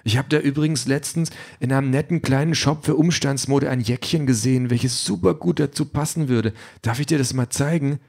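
A man doing a sweet-talking digital boyfriend with a raised, buttery voice that pours out compliments and product tips. The flattery lays it on thick, and the voice sits well above his usual register. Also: mid-range voice, fairly quick, creaky, few pauses, pitched above the performer's own voice. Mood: flattering. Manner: sugary, salesy praise. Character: smooth flattering male AI companion. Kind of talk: audiobook character voice.

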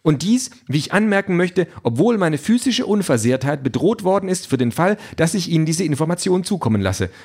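A prim, dutiful robot, as a male narrator puts her on, pitched well above his own voice. She talks in stiff, formal sentences and sounds stilted and indignant, an audiobook character. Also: very animated, a little fast, hardly any pauses, a little mellow. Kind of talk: audiobook reading.

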